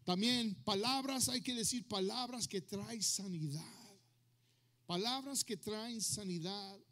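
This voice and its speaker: A pastor with a high, slightly bright voice speaks slowly as he preaches. He addresses his congregation in both Spanish and English, drawing them in with questions.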